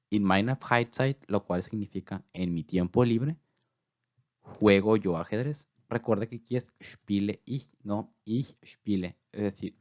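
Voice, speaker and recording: Low-voiced man teaching German slowly. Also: mellow, highs cut off. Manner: slow, careful repetition of example phrases; filler "pues" between phrases. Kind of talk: voice-over language lesson.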